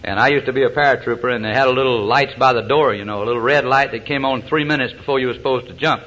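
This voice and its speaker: Man, recovery meeting speaker, folksy storytelling, bright voice, dull old recording. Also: medium pitch, fast talker. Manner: folksy storyteller, frequent uh's. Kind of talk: personal testimony talk with jokes. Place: meeting hall platform.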